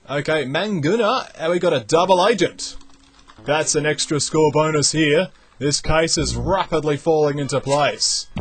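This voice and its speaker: A young man, not from the United States, commentating a video game as he plays, thinking out loud with lots of energy. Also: on the high side, slightly rough. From outside the United States. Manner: animated, thinks aloud while playing. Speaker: let's play commentator. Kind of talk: gameplay commentary.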